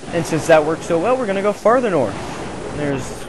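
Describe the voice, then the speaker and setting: A man's voice: fairly high pitch, big pitch swings, normal speed. A man giving casual, joking commentary while playing a game, recorded on a desk mic with hiss. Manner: joking, wry, rambling. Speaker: let's play commentator. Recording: hissy home recording.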